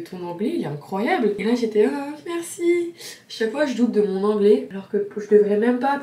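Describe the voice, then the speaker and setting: Her voice is medium in pitch and dark in tone, with slight background noise. She's a twenties-age vlogger from France, chatting to the camera in her kitchen with a French accent and sprinkling in English words, while music plays through the roomy home.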